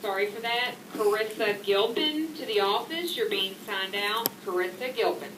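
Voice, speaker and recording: A woman making a polite, apologetic announcement over a school intercom loudspeaker. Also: medium pitch, moderate pace. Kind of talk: public address announcement. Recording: echoey distant intercom with loud noise and clicks.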